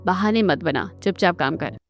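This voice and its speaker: A woman's voice: lowish voice, lively intonation, normal speed, soft background music, voice pushed down, close to an everyday voice. A woman voicing a stern, bossy middle-aged mother-in-law in a cartoon story, speaking harshly. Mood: scolding.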